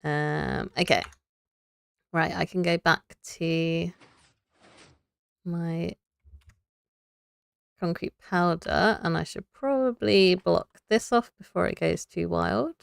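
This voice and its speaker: A woman's voice: fairly low pitch, slow pace, vocal fry, long pauses, clean tone, no room sound, clean studio sound. A young woman streaming a building game, chatting to viewers and thinking aloud as she builds, laughing often. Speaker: Minecraft streamer. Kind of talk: casual live gameplay chat.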